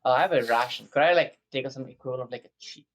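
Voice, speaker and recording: A tabletop game player improvising casually, narrating their own actions in a hesitant, gently coaxing way. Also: mid-range voice, very fast, a little hiss or hum.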